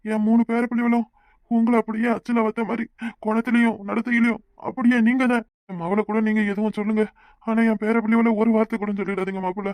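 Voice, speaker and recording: A man's voice: high-pitched, level tone, fast, a little mellow, dry recording, natural voice. A man voicing an ailing elderly father in a cartoon, pleading weakly. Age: older. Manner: pleading, weak. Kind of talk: cartoon voice acting.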